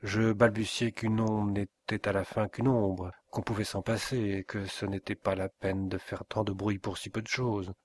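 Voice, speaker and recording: Low-voiced man reading an audiobook. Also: flat delivery. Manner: measured, literary reading. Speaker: audiobook reader. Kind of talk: scripted narration of a classic novel.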